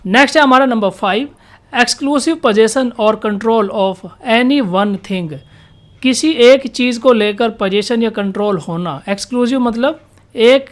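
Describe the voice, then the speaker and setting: A woman with a fairly high voice teaching vocabulary to exam students. She keeps asking questions and answering them herself, and she reads the English definitions out slowly, one word at a time. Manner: asks questions and answers them herself, repeats key words.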